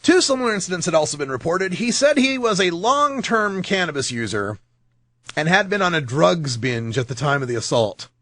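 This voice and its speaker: A man's voice: on the high side, sing-song, normal speed, a bit bright, no room sound, studio quality. A man hosting a podcast, rambling and joking through news stories with frequent laughs. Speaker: podcast host. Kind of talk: casual news commentary.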